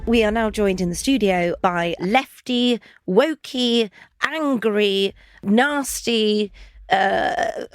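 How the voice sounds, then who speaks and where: A woman's voice: mid-range voice, slow pace, smooth, no room sound, soft background music. A woman hosting a satirical radio show in a studio, brash and mock-indignant, talking over her guests. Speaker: host.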